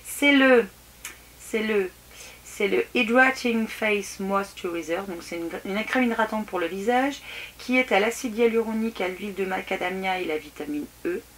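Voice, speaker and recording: A woman's voice: medium pitch, moderate pace. A woman chatting casually through a beauty box unboxing, hesitant and full of restarts. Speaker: beauty vlogger. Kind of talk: casual product unboxing review. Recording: faint background noise and clicks.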